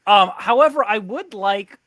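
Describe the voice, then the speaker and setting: Game master, relaxed narrator; bright, lively. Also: mid-range voice, normal speed. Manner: easygoing, filler-heavy narration.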